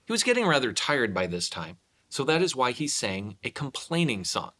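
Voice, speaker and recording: A man reading a children's story aloud in an expressive scripted narration. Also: mid-range voice, normal speed. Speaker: storyteller, host.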